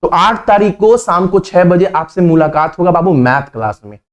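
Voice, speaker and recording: A man's voice: high voice, moderate pace. A man teaching math on a video channel, talking to students in a casual, direct and coaxing way, repeating points for emphasis. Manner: direct, coaxing, calls viewers "babu" and "bhaiya"; repetitive, emphatic phrasing. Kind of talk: casual YouTube coaching talk.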